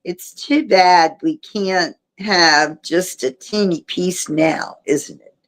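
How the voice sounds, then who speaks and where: A woman's voice: lowish voice, slow pace. A woman voicing a wistful young woman with a sweet tooth in a storybook reading, sighing as she talks.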